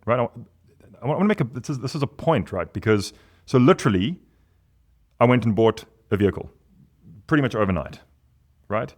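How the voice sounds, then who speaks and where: A man, a podcast guest talking in an animated, emphatic way with big swings in pitch. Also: fairly quick, long pauses. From South Africa. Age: 40s. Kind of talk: casual podcast conversation.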